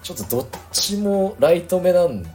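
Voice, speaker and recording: A young man chatting casually as a guest, easygoing and quick to laugh. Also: high voice, sing-song, darkish tone, soft background music. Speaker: guest co-host. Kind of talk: casual chat.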